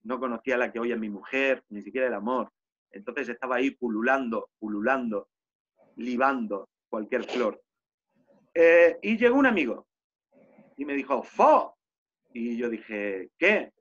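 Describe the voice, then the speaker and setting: A man's voice: mid-range voice, normal speed, a bit bright. A man teaching an online storytelling class, telling a story theatrically and asking rhetorical questions. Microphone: video call. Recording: muffled video-call audio.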